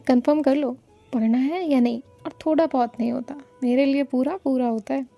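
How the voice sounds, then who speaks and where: A woman's voice: sits high, steady tone, a little fast, gravelly, mellow, soft background music. A woman voicing a teasing, caring woman teacher in a told story. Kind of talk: storytelling dialogue.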